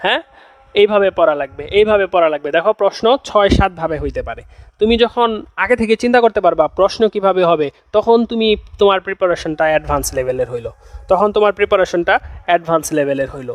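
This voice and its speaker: High-voiced young tutor repeating his points. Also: quick pace, no room sound. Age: young adult. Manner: repeats each phrase two or three times for emphasis; coaxing, checks in with "okay?" and "see". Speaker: admission-test tutor. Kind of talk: chemistry class lecture.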